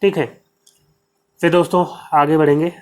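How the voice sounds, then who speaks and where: A man's voice: on the high side, steady tone, moderate pace. A man with a Hindi accent teaching an exam-prep grammar lesson, explaining step by step, asking questions and answering them himself. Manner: explains step by step, repeats "ठीक है" often.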